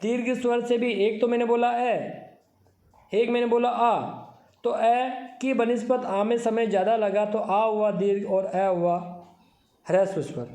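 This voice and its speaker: A man with a high-sitting, level, mellow voice teaches a Sanskrit grammar lesson for exam preparation in a roomy-sounding space. He recites definitions, explains them plainly, and draws out vowels to demonstrate the sounds.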